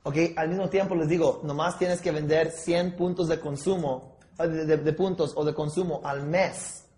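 A male sales trainer uses role-play to rehearse objections with listeners, often making sure they follow and sprinkling in English terms. He talks at normal speed in a slightly high, steady, a little mellow voice, in a room with echo.

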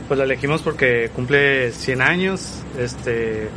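A man's voice: medium pitch, a little slow. Meandering Mexican man over city noise. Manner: informal, meandering explanation with tag questions. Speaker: podcast panelist. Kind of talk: casual film synopsis in conversation. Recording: noisy outdoor city ambience.

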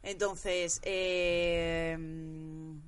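A woman in her thirties with a Spanish accent from Spain, telling an animated story in casual chat and acting out the quoted voices. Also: lowish voice, drawn-out words.

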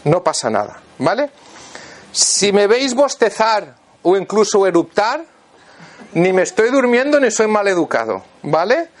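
High, lively man coaching a volunteer. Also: unhurried. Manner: instructive, checks in constantly with "vale". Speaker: therapist leading a live demonstration. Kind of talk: guiding a volunteer in front of an audience.

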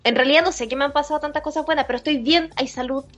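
A woman's voice: sits high, steady tone, racing, a bit bright, faint music behind. A woman in her thirties with a Chilean accent, chatting casually as a podcast co-host and often interrupting herself. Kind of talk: casual chat.

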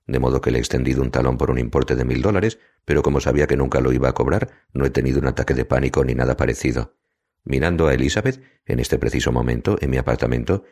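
A man reading an audiobook in a calm, cold, deliberate manner. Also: rumbling low, breathy edge. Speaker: audiobook narrator. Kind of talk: scripted narration.

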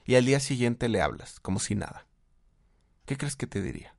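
A man's voice: mid-range voice, sing-song, fairly quick, vocal fry, a little mellow. A man with a Mexican accent giving casual advice, who acts out quoted voices and laughs often. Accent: Mexican Spanish. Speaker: guest speaker, therapist.

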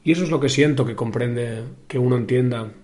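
A young man from Spain, hosting a podcast and telling a personal story in a thoughtful way, with many pauses and fillers, talking straight to the listener. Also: mid-range voice, darkish tone. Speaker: podcast host. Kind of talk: reflective personal monologue.

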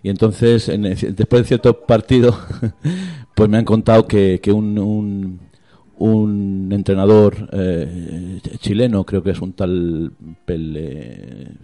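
This is a slow, mellow voice, on the low side, belonging to a middle-aged man appearing as a guest on the radio. Joking around, he teases and trades gossip, often stopping and starting over.

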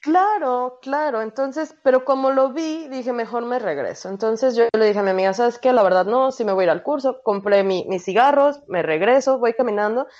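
A woman's voice: a little high, normal speed, hardly any pauses. A young woman with a Mexican accent telling a personal story in casual, slangy chat. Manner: slangy, animated storytelling with frequent "güey". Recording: dull, muffled recording.

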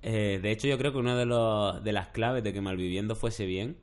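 A man's voice: on the low side, moderate pace. A middle-aged man, chatting casually as a podcast host and telling rambling stories. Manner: rambling, storytelling with shouted impressions. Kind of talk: casual chat.

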